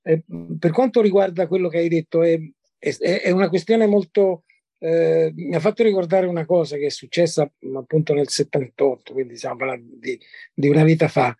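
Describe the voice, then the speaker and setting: A man's voice: on the high side, fairly even intonation, a little fast, dark tone, slightly rough, dry recording. An older man from Italy recalling past encounters as a guest, hesitant, with many fillers and repeated words. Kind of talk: conversational recollection.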